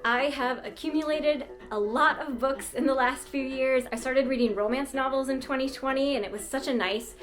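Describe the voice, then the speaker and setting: Female vlog host, casual and chatty, voice a little on the high side. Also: normal speed, few pauses, soft background music.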